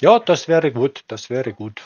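A man in a prank phone call, talking slowly and pedantically while pretending to be confused. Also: mid-range voice, big pitch swings, darkish tone. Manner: slow, pedantic, feigning confusion. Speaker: prank caller baiting a scammer.

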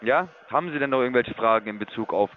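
A man's voice: mid-range voice, lively intonation, fast talker, narrow, tinny audio. A man working as an investment sales caller, lecturing and condescending as he walks a customer through a sign-up. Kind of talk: phone sales call.

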